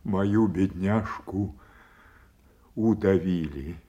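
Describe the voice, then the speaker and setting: Frail old King Lear, achingly slow. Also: sits low, mellow, muffled recording. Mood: grieving, anguished. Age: older. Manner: halting, repeats words, long pauses. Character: frail, grief-stricken, confused old king. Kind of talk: classical theatrical audio drama acting.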